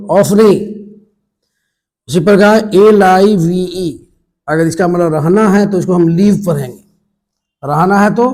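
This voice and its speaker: Slow, mellow Indian man teaching English. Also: high-pitched. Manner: spells words out and repeats them deliberately. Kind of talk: slow classroom pronunciation lesson.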